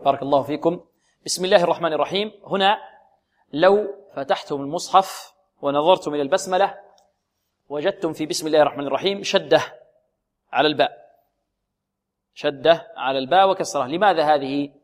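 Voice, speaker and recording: A male recitation teacher who poses questions, answers them himself, repeats each rule and demonstrates sounds slowly. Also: on the high side. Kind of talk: recitation lesson.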